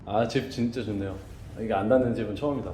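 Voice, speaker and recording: Man, vlog host, quick talker, playful teasing, casual home-tour chat. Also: on the low side, fairly even intonation, dark tone, a little hiss or hum.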